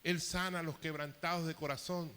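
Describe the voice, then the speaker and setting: A man's voice: on the high side, steady tone, fairly quick, bright, forceful tone, clear, resonant tone. A man in his fifties preaching a sermon as a pastor, telling a personal story with emotion and rising intensity. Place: church hall. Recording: long hall reverb.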